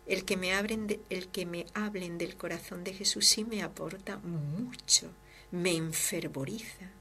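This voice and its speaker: Fervent nun on a devotional program. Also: female voice, on the low side, unhurried, a little hiss or hum. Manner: fervent, expressive, swings from loud to hushed. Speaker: religious sister hosting a devotional program. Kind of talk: devotional talk and reading listener letters.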